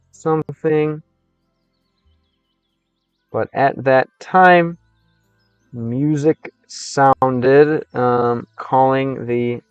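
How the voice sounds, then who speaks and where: Translating game text as he studies Russian, this man chats casually with viewers on his livestream and keeps starting his sentences over. He has a mid-range, darkish voice that's clear and resonant, with no echo.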